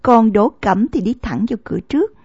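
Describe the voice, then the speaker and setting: A woman reading a novel aloud as an audiobook narrator, in measured storytelling narration, in a dull, lo-fi recording. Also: a little high, expressive, dark tone, slightly rough, no room sound.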